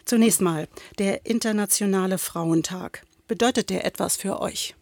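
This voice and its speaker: A woman hosting a talk show with a mid-pitched voice. She introduces her guests and puts clear, direct questions to them. The recording is dry and close to the mic. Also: moderate pace, a little mellow, no room sound. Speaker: host.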